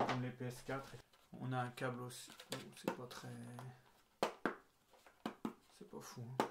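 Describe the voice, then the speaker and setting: A man narrating his craft vlog in a casual, slangy way, easily excited about his new gear. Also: fairly high pitch, background noise. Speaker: vlogger.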